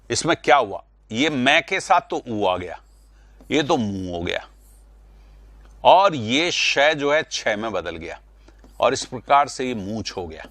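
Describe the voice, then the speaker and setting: Slow, lively Hindi teacher man. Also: medium pitch, dry recording. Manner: explains slowly, repeats words to stress correct sounds; addresses students directly, correcting their answers. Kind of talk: online class on spelling and pronunciation.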